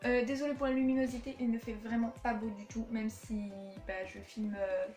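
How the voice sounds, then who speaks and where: Casting: young woman, fairly high voice, rambling home vlog, echoey room, soft music under. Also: little pitch movement, normal speed. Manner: chatty, with many fillers and restarts. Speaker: vlogger showing her collection. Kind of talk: casual chat. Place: her room at home, indoors.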